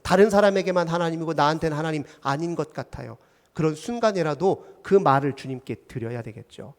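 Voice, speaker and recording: A man preaching a sermon as pastor, earnest, with sudden drops to a hushed voice. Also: a little high, fairly quick, in a large hall. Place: church sanctuary.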